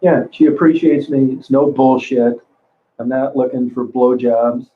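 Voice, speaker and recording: In an unhurried, steady, mid-pitched voice, a man in his sixties reads his livestream chat, rambling, cursing freely and frequently restarting what he says. There's slight background noise, and the sound is narrow, like a phone's.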